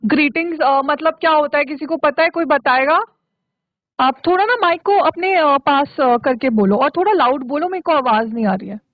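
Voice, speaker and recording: A woman with a high voice teaches children in an online spoken English class, patient and stopping often to check that they follow. The sound is dry and close, squeezed through a thin, phone-like line. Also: normal speed, no room sound. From Uttarakhand, India. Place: studio for a virtual classroom.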